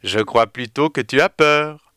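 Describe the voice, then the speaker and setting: A man's voice: mid-range voice, unhurried, bright, forceful tone, clean tone, no echo, studio quality. A man voicing a bold, curious little girl who exclaims eagerly in a children's story reading. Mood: teasing.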